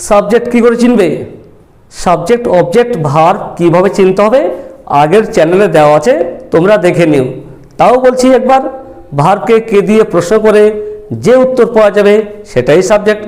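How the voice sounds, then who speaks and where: Man, teacher, high voice, asks and answers his own questions, grammar lesson. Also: lively intonation, a little fast, darkish tone. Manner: quizzing, repeats questions and answers himself. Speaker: English teacher.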